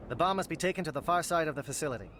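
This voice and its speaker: A man voicing a brisk alien military captain. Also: a little high, fairly bright tone, slight background noise, close to an everyday voice. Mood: grave. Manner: brisk, precise and matter-of-fact. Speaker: Salarian captain planning an assault. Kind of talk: video game dialogue.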